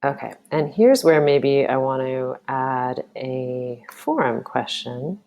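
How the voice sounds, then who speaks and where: Very low, slow, gravelly-voiced woman teacher. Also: dark tone. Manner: casual, thinking aloud with many ums. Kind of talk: screen-recorded software tutorial.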